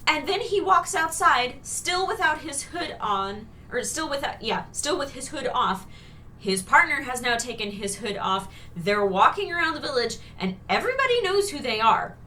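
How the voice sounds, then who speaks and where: Sarcastic woman co-host, bright voice, mic set a bit far off with a faint rumble. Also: sing-song, normal speed. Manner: chatty, sarcastic, many fillers. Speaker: co-host reviewing a TV episode. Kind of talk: casual critical chat.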